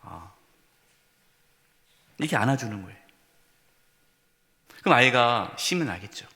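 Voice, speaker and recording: A male pastor preaches with a bright, forceful voice, his pitch riding well above most men's. His delivery is lively, rising high for emphasis and dropping to soft, gentle asides. The sound carries a long reverb from a church sanctuary. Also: moderate pace. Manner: earnest preaching that swings between raised emphasis and hushed, tender asides. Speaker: senior pastor. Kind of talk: sermon.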